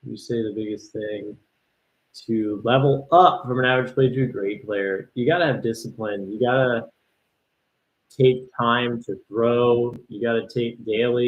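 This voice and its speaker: A man, casually reacting live to a game and chatting with viewers, bursting into loud exclamations. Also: mid-range voice. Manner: excitable, exclaims loudly at plays then chats calmly with viewers. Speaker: livestream host reacting to an ultimate frisbee game. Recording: dull lo-fi stream audio.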